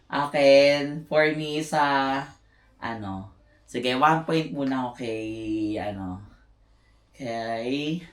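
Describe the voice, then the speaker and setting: A woman's voice: extremely low pitch, very slow. A woman casting votes in a casual chat, hesitant and searching for words, giggling now and then. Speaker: housemate casting eviction votes. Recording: roomy echo.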